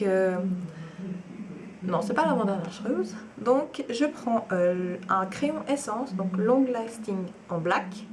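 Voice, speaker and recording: A woman's voice: mid-range voice, background noise. A young woman, chatting enthusiastically through a makeup tutorial at home, with frequent fillers and asides. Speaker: beauty vlogger.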